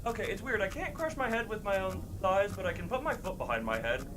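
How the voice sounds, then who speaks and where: A man hosts a game livestream, chatting casually and thinking aloud as he plays. His voice sits high and sing-song, and he talks fast over a noisy background. He rambles through his gameplay commentary.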